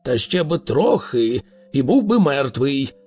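A man doing a loud, quarrelsome alien traveller. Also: fairly high pitch, sing-song, measured pace, breathy edge, soft background music, full character voice. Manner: shouting, argumentative.

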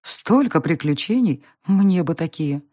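A kind grown woman who speaks softly to the children around her, amused and a little wistful, as a woman reading the audiobook puts her on. Her voice rises and falls in a lively way as she talks. It is a warm storybook scene. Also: low-pitched, unhurried. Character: kind adult woman, curious and fond of children. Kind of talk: audiobook character voice.

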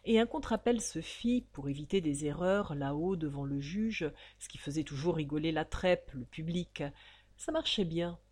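A woman's voice: animated, moderate pace. Woman reading a novel aloud. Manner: acts out the characters' lines loudly and with raised pitch. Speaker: reader of a novel. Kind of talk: expressive audiobook reading.

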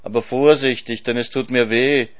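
A man's voice: medium pitch, steady tone, moderate pace, pitched above the performer's own voice, close to an everyday voice. A man reading a storybook, voicing a greedy, gluttonous hyena that whines and moans. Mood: moaning. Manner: whiny, grasping, moaning.

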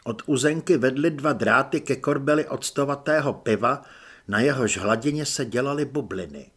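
A man narrating an audiobook in a measured storytelling manner. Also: medium pitch, a bit bright, breathy edge. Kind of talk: scripted narration.

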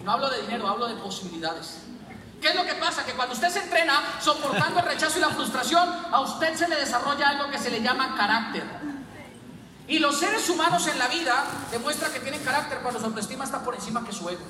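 A man giving an animated motivational seminar talk full of stories and jokes to a live audience. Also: very high-pitched, fast talker. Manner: animated, storytelling, jokes with the crowd. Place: large hall with an audience. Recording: echoey hall, distant mic, crowd and noise.

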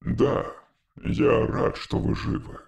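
A man's voice: fairly low pitch, level tone, slow, vocal fry, darkish tone, exaggerated voice. A man voicing an alien who speaks through a metallic translator machine, in an audiobook reading. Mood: calm. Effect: distant metallic machine voice.

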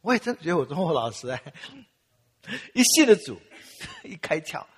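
A man's voice: on the high side, sing-song, moderate pace, breathy edge, big-room sound. An older man from Taiwan preaching, telling his own story with self-mocking humor and acting out his past prayers. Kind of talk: sermon with personal testimony.

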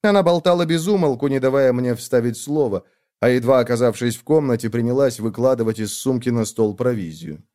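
A man reading a first-person audiobook narration in a measured, reflective way. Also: mid-range voice, dark tone. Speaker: audiobook reader.

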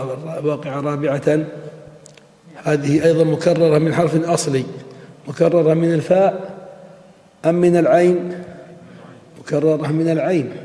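A man's voice: on the high side, mellow. A man teaching a grammar class as a sheikh, explaining step by step and answering his own questions. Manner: methodical, poses questions and answers them himself. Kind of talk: classroom lecture. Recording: echoey hall with long reverb.

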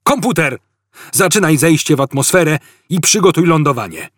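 Male narrator playing a brash, boastful space captain; high, jumpy, husky. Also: animated, moderate pace, fairly bright tone, dry recording, studio quality.

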